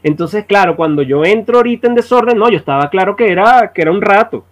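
A Venezuelan man spinning band stories in loose, slangy chat, his voice sitting a bit high for a man. He slips into the voices of the people he quotes as he tells the tale. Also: fast talker. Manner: animated storyteller, heavy slang, acts out quoted voices. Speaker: musician guest. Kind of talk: casual chat.

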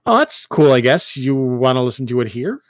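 A man's voice: mid-range voice, sing-song, brisk, dry recording, clean studio sound, natural voice. A man voicing an easygoing young library desk worker who talks casually. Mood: offhand.

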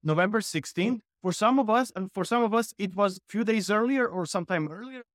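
Male guest, English, fairly high pitch, dry sound, explanatory with frequent fillers. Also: a little fast, dry recording. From Serbia. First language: Serbian. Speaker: guest YouTuber.

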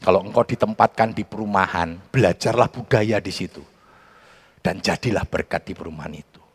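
A man with a Javanese accent preaching a sermon as pastor, telling animated stories and acting out what people said. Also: low voice, brisk, slightly rough. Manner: animated storytelling, acting out quotes. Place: church. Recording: church hall reverb.

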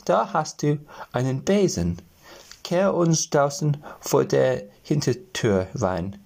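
A man voicing three little forest men in a fairy tale, speaking in a raised voice and a slow, solemn manner. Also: mid-range voice, big pitch swings, creaky, darkish tone, heavily acted. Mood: stern. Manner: slow, solemn gift-giving.

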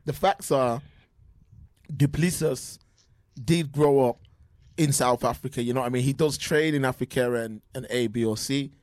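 A man's voice: medium pitch, moderate pace, a little mellow, dry recording, clean studio sound. A man co-hosting a podcast over a remote call, giving his opinions in a casual, talkative way with frequent restarts. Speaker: podcast co-host. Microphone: remote call audio.

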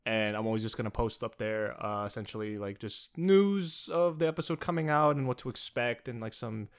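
Young male co-host, teasing, rambling delivery full of fillers, mid-range pitch. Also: fairly quick, smooth. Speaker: podcast co-host. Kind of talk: casual crude banter.

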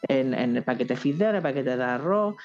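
A woman's voice: very deep voice, animated, brisk, a little mellow. A young adult woman with a Chilean accent, chatting casually as a podcast co-host, joking and rambling in heavy slang. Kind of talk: casual chat. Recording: dull lo-fi sound with faint music.

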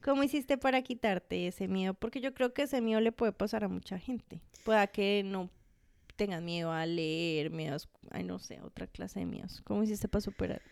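A woman's voice: medium pitch, normal speed, gravelly, darkish tone. A woman hosting a casual conversation, curious and asking follow-up questions.

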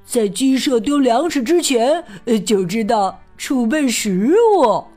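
Cautious chick voiced by a woman, measured, careful, slow, storybook character. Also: fairly high pitch, lively intonation, darkish tone, soft background music. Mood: teasing.

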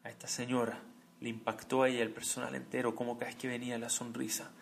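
Gravelly man teaching with big swings. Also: medium pitch, level tone, a little hiss or hum. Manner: swings from loud slow emphasis to soft, near-whispered asides. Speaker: rabbi giving a class. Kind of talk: Torah lesson with storytelling.

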